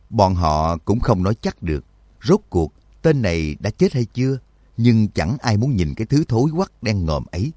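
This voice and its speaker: Low, lively male audiobook narrator. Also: no echo. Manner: expressive, vivid storytelling.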